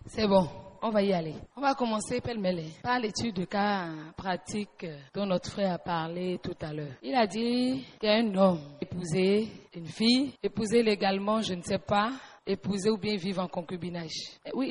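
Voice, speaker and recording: A woman's voice: medium pitch, moderate pace. A woman leading a church seminar, retelling a question and checking with the audience as she teaches. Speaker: seminar speaker answering questions.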